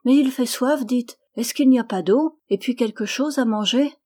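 A woman voicing a trusting, cheerful little girl of about five in an audiobook, in a high, lively childlike voice. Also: moderate pace, natural voice. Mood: chatty. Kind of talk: audiobook reading.

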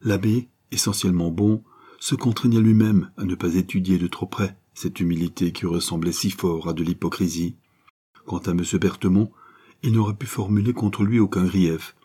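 Husky, low-voiced male narrator. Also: dark tone. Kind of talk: audiobook narration.

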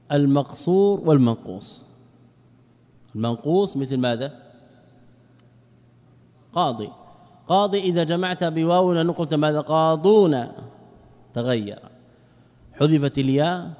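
This Arabic grammar teacher's voice sits on the high side and sounds slightly mellow, carried by a big-room acoustic. He asks himself rhetorical questions, answers them, and eases his pace to spell out word forms for the class.

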